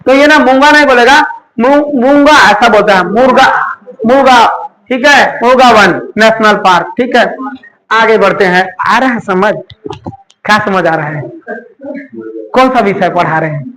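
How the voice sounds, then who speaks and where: A man teaching a class, loudly quizzing students and having them repeat answers back to him. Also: high voice, moderate pace, pauses often, poor audio. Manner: loud, call-and-response questioning. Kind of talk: classroom lecture with memory tricks.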